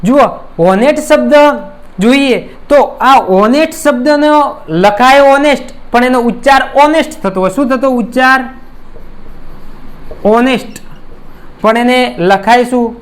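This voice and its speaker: A man from India with a Gujarati accent and a very high-pitched voice teaches an English grammar lesson a little slowly. Treating students as friends, he explains patiently with examples and keeps asking "right?" to check their understanding.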